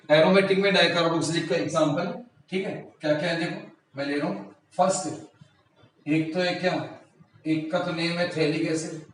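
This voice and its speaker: A man teaching a chemistry lesson, repeating key terms and asking himself rhetorical questions, recorded in a room from a distance. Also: fairly high pitch. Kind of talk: classroom lecture. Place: classroom or coaching room. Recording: very echoey room, mic at a distance, faint noise.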